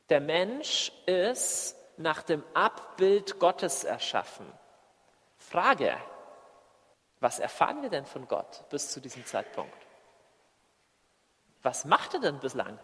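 A man preaching a sermon, shifting between loud emphatic lines and quiet, slowed asides. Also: fairly high pitch, sing-song. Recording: long hall reverb.

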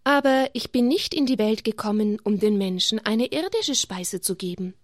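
A woman's voice: mid-range voice, animated, moderate pace, no room sound, studio quality, close to an everyday voice. Jesus, a woman telling it as a solemn teacher.

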